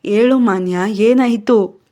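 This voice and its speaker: A woman voicing a steady, protective young male reporter in a storybook reading, reassuring and taking charge. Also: fairly high pitch, slow pace. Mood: urgent.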